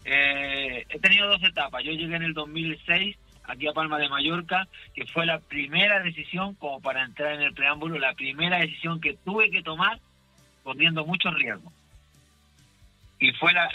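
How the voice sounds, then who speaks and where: Bright-voiced older Chilean pastor, rambling. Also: male voice, on the high side, moderate pace, no room sound, soft background music, poor audio. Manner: rambling, self-correcting, devout. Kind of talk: radio interview.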